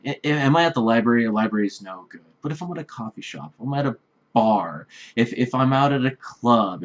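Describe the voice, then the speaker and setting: A man giving blunt, repetitive dating advice straight to the camera, often checking in with "right?". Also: mid-range voice. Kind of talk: direct-address advice vlog. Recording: slightly dull lo-fi recording.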